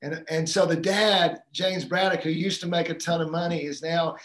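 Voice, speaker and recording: A man's voice: a little high, a bit bright, echoey room. A man on a live community call, casually retelling a movie scene with many fillers and restarts. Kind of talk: casual storytelling talk.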